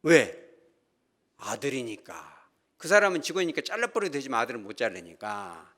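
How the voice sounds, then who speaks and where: A man's voice: medium pitch, moderate pace. A middle-aged man preaching a sermon as pastor, telling stories with acted-out voices and asking the congregation questions. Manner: animated storytelling, acts out quoted characters.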